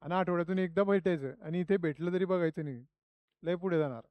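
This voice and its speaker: A man's voice: high-pitched, a little fast, no room sound, highs cut off. Chatty male teacher quizzing a class. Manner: chatty, questioning students. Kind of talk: classroom lecture.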